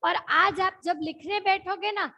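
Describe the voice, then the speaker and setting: A woman's voice: extremely high pitch, fairly even intonation, a little slow, pushed and bright. A young woman with a Gujarati accent teaching an online class, mixing in English words and repeating questions to check that the children follow.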